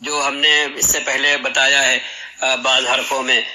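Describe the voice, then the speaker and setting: Bright-voiced man teaching throat sounds. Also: medium pitch, level tone, slight background noise, low-quality recording. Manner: patient, demonstrates throat sounds aloud. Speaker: Quran recitation teacher. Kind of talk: explanatory lesson on letter articulation.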